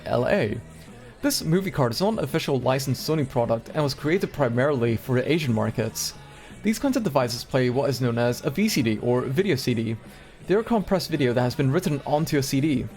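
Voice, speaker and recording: Male streamer from Singapore, middle pitch, reads aloud casually with asides over faint music. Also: a little mellow. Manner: casual, chatty asides between readings. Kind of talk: reading a magazine aloud on stream.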